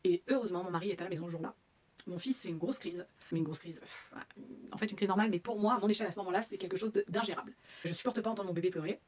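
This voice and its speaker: A woman's voice: on the low side, very fast, a little mellow, slightly rough. A young woman telling her own story as a mother, hesitant, with many fillers and restarts. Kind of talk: personal testimony.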